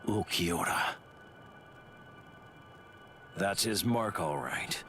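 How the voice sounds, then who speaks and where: A man's voice: sits low, animated, extremely slow, bright, forceful tone, soft background music, heavily acted. An actor playing a brash, violent young male warrior spirit in a game cutscene, cocky and bossy.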